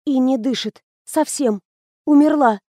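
A woman reading the part of a stern, blunt young woman who speaks flatly. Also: high voice, a little slow, dry recording, clean studio sound, pitched above the performer's own voice.

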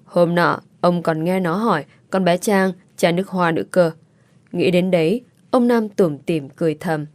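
A woman narrates a story in a steady, even reading voice. Her voice sits slightly low and sounds dry and close to the microphone. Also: normal speed, dry recording.

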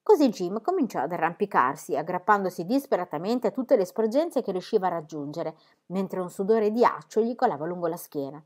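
A woman reading a children's book aloud in a measured, expressive storybook narration. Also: on the low side.

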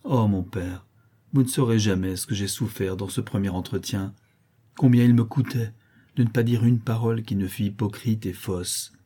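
A man's voice: lowish voice, normal speed, warm tone, breathy edge. A man voicing a despairing young woman. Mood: sorrowful. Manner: pleading, anguished.

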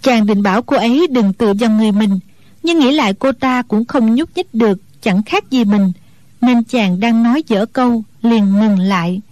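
A woman's voice: a little high, moderate pace, no echo. Woman reading a martial-arts audiobook. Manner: steady storytelling. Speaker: narrator.

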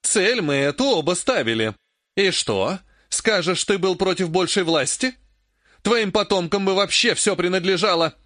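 A man reading an audiobook, voicing a furious, grasping old woman mage in a raised, shrill, scolding voice. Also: expressive, normal speed, fairly bright tone, no echo, studio quality. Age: older.

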